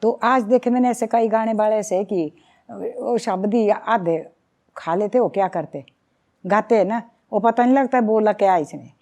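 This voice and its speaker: Middle-aged Himachali-accented woman, a folk singer being interviewed; warm, soft timbre, earnest storyteller. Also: mid-range voice, moderate pace, highs cut off. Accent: Himachali Pahari. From Himachal Pradesh. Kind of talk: conversational interview.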